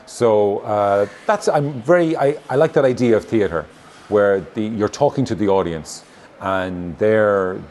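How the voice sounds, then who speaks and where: A man from Galway with a west of Ireland accent answers interview questions about his own work as a stage actor, often feeling for his words. His voice is mid-range and mellow, and the location recording is clearly noisy with ambience.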